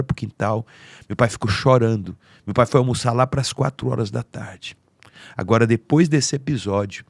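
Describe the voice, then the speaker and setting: A man with a Brazilian accent tells an emotional family story on a podcast, slipping into the voices of the people in it. His voice sits at a middle pitch. It sounds dry and close on the mic. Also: vocal fry, darkish tone, no room sound. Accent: Brazilian Portuguese. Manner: heartfelt, acts out quoted family voices. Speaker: podcast speaker.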